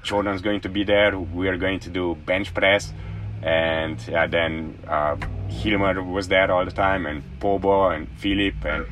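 Young guy in his 20s, ex college athlete, super low deep voice, rambling excitedly. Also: a little hiss or hum. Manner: enthusiastic, rambling. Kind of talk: casual interview chat.

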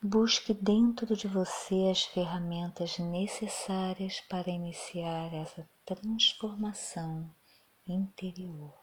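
A woman leading a guided meditation, speaking softly and soothingly, often half-whispering. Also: lowish voice, steady tone, takes it slowly, a little hiss or hum.

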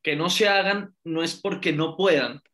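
A man's voice: on the high side, moderate pace, bright, forceful tone. A man with a Colombian accent, explaining political points emphatically as a podcast guest.

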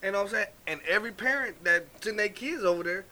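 Bright high-voiced man with faint hiss. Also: fast. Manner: animated, acts out scolding voices. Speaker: co-host. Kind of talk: casual radio show chat.

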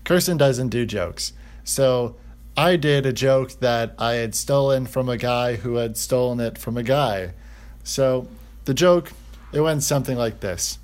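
Deadpan man. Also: medium pitch, measured pace. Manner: deadpan, wry asides. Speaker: podcast co-host. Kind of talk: casual chat.

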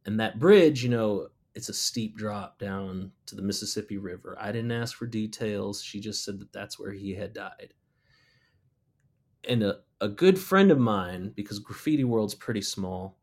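A middle-aged man with a fairly low voice tells a personal story from his mural-painting days. He talks casually and loosely, with lots of "uh" and "you know" and false starts as he gathers his thoughts. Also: unhurried. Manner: relaxed, rambling, frequent fillers and restarts.

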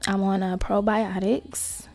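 A woman hosting a casual solo podcast, talking to listeners in slangy, sweary asides with creaky vocal fry. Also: medium pitch, flat delivery, slow pace, a little mellow, no room sound. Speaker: podcast host.

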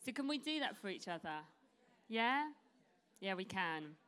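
A woman gives an informal sermon in a chatty, self-deprecating way. She has a soft R that comes out as a W, and her pitch sits in the middle range for a woman. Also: very animated, a little slow, clear, resonant tone. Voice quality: cannot say her R's, says w for r. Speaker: church preacher.

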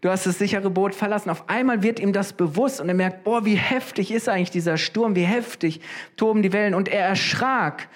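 A man preaching a sermon in a lively, conversational way, often asking his listeners questions. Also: sits high, fairly quick.

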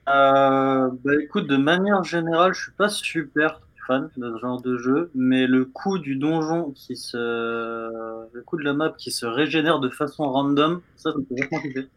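Give me a casual, mid-pitched man. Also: moderate pace, hardly any pauses, fairly bright tone. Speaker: show columnist. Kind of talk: casual live presentation.

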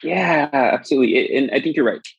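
A man's voice: medium pitch, fast, gravelly, husky, no room sound, dull audio. A man as a podcast guest, explaining at length in a thoughtful way, often restarting sentences. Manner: thoughtful, frequent restarts and fillers. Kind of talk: conversational explanation.

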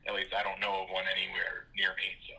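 A man's voice: low voice, very animated, quick pace, vocal fry, sharp tone, rough recording. A man calling into a podcast, heard over a phone on speakerphone, chatting casually and joking in a playfully defensive way. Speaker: caller on a podcast. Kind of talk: casual chat.

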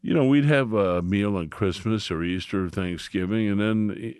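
A man's voice: fairly low pitch, moderate pace, a little mellow, clean tone, no room sound, studio quality. A middle-aged or older man hosting a podcast, chatting casually with anecdotes, jokes and salty language. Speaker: podcast host. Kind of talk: casual interview chat.

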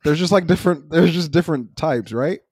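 A young man co-hosting a casual chat show, loose and profane, opinionated and animated as he argues his points. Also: fairly high pitch, fairly quick, slightly rough, dry recording, studio quality. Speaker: podcast co-host.

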